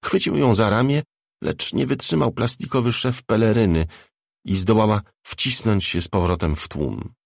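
A man reading a novel aloud as an audiobook narrator, in a measured, even storytelling delivery. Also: on the low side, vocal fry, no echo, studio quality.

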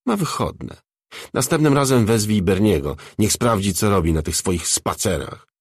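A man's voice: lowish voice, lively intonation, normal speed, husky, dry recording, clean studio sound. A man voicing a fussy male household manager who answers evasively and gossips.

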